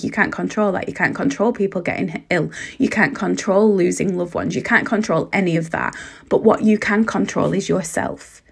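A woman podcast host and coach with a hoarse, croaky voice, giving an emphatic motivational talk straight to the listener, repeating phrases for weight. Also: mid-range voice. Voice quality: husky, croaky. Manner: emphatic, repetitive, direct address to listener. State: hoarse, sore voice.

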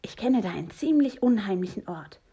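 A woman's voice: medium pitch, animated, fairly quick, dark tone, slightly rough, muffled recording. A woman voicing a cheerful, brave male skunk, bold and coaxing in a storybook. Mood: eager.

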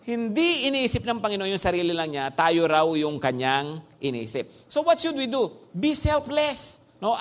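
A male pastor preaching a sermon in a lively, conversational way, often tossing "no?" to the congregation. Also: high-pitched. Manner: animated preaching, frequent "no?" tag questions, mixing English phrases.

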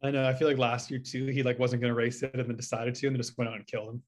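A man's voice: mid-range voice, level tone, very fast, slight background noise. A man co-hosting a podcast in casual chat, rambling with lots of fillers and casual swearing. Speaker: podcast co-host.

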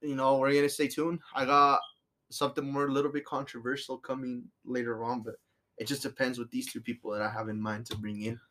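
A man's voice: medium pitch, flat delivery, a little fast, pushed and bright. A drunk man hosting a podcast in casual, slangy, sweary chat. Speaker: podcast host.

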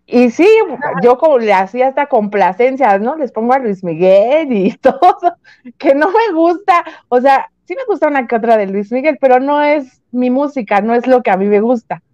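High-voiced laughing woman. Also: normal speed, highs cut off. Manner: laughing, animated storyteller acting out other people. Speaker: radio host. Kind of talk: casual radio chat.

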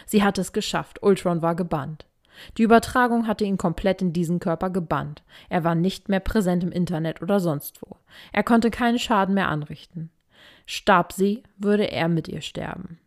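A woman reads a story aloud with a steady, even delivery. Her voice sits slightly low for a woman. She narrates the action at a calm pace. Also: normal speed. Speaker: fan fiction reader.

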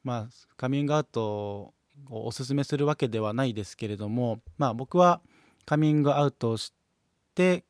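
A man's voice: mid-range voice, a little mellow, no room sound, clean studio sound. Polite Kansai man hosting a podcast. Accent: Kansai Japanese. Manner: polite and measured, with frequent hesitation fillers. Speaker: podcast host. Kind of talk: solo podcast chat, reading listener mail.

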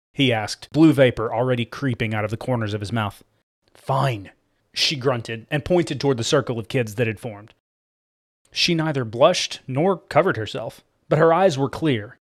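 A man reading a novel aloud in an even, measured storytelling manner. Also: medium pitch, no room sound, clean studio sound. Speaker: narrator. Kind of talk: scripted audiobook narration.

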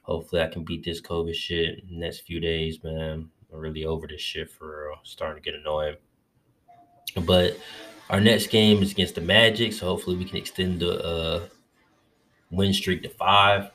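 A man giving a casual, profane recap of his team's win, excitable and swearing often, while getting over covid and feeling a bit lightheaded. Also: low-pitched, moderate pace. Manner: loose, profane, excitable fan talk. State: recovering from covid, a little lightheaded. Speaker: sports fan vlogger.

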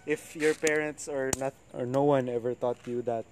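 A young man with a Filipino accent, a native Tagalog speaker, muses haltingly and drunkenly in casual chat, slipping in Tagalog words. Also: medium pitch, fairly even intonation. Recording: faint background noise.

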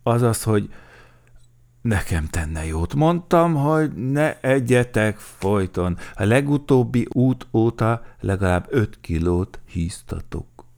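A man's voice: on the low side, animated, gravelly, a little mellow, voice pushed up. A man voicing a heavy male creature that carries others and grumbles about the load and his gearbox, in a children's storybook. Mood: grumbling. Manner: complaining, puffing under the load.

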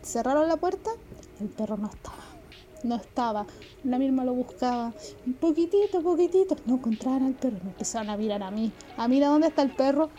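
A woman with a Chilean accent tells stories in a high but mellow voice. She talks in a slangy, casual way, swearing freely and laughing through her tales. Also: expressive, brisk. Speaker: storyteller. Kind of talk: casual anecdote telling.

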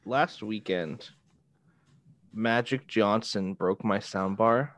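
Low-voiced man, dry close sound. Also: slow, dry recording. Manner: laid-back, absurd deadpan storytelling. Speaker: podcast co-host. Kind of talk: casual podcast banter.

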